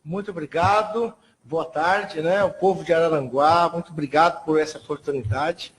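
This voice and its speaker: Male guest historian from São Paulo, fairly high voice, soft measured explainer. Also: fairly even intonation. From São Paulo, Brazil. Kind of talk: TV interview guest. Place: TV studio.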